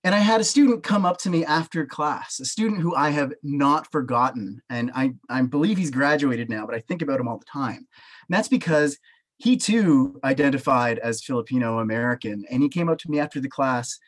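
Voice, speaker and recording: A Canadian-accented professor in his thirties, serving as a panelist, shares his personal experience over a webcam video call from a small home office. His mid-range voice runs a little fast, and he speaks earnestly and emphatically, gesturing with both hands.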